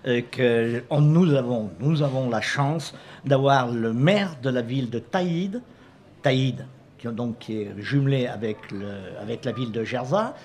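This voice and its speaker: A man's voice: mid-range voice, measured pace, a little mellow. A man serving as a mayor guest on a talk show, speaking politely and hesitantly, often laughing. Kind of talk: casual on-air interview.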